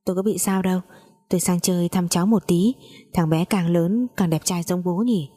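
Woman voices a fawning older schemer, sugary and shrill; audiobook story. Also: moderate pace, warm tone, faint music behind, close to an everyday voice. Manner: sweet-talking, shrill.

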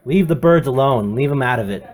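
A man's voice: mid-range voice, animated, fairly quick, a little mellow. Man teasing in a playful mock lecture. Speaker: executive producer. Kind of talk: comic banter.

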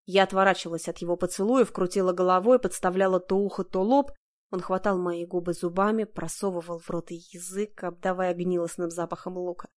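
A woman's voice: lowish voice, fairly even intonation, brisk. A woman narrating a first-person audiobook in a dramatic, emotional reading.

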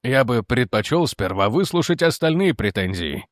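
A man playing a weary, calm general. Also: no echo, studio quality, close to an everyday voice. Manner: calm, measured, low delivery. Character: weary, calm middle-aged male general.

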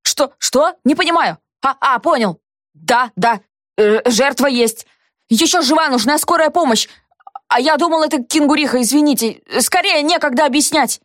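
A woman reading aloud and voicing a flustered, excitable man who shouts and stammers in a high voice. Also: normal speed, no echo, studio quality, natural voice.

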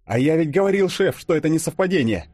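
A man voicing an eager, excitable burly male agent in an audiobook, speaking insistently. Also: a little high, a little fast, no echo, pitched above the performer's own voice, lightly acted.

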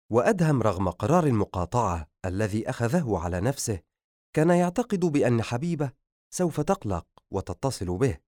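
A man narrating a novel as an audiobook in an expressive storytelling way. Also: mid-range voice, dry recording, studio quality.

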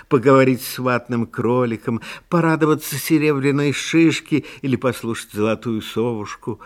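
In a children's fairy-tale audio play, a man voices a vain, fragile, sentimental Christmas tree bauble. Speaking on the high side, he tells his story in a genteel, self-pitying, theatrical manner.

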